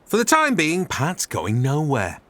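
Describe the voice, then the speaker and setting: A man's voice: fairly high pitch, huge pitch swings, measured pace, bright, forceful tone, a little hiss or hum. A British man delivering cheeky scripted documentary narration with playful, teasing asides. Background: music.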